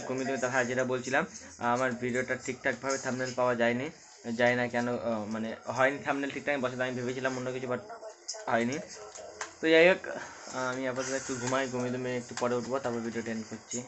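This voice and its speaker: A man's voice: mid-range voice, fairly even intonation, fast talker, a bit bright. A man chatting casually through his daily vlog, rambling and self-deprecating. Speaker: vlogger.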